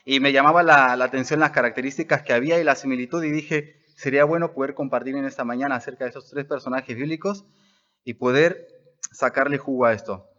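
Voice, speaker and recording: A man's voice: medium pitch, fast talker, pushed and bright, dull audio. A man preaching a sermon as pastor at a church service, stressing words by rising and dropping his voice.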